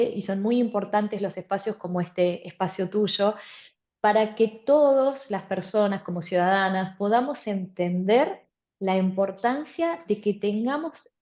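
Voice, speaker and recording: With a medium-pitched voice captured on dull audio, a middle-aged woman from Argentina discusses her work in an interview. She's a bioethicist and law professor who speaks articulately and leans on repeated phrases for emphasis.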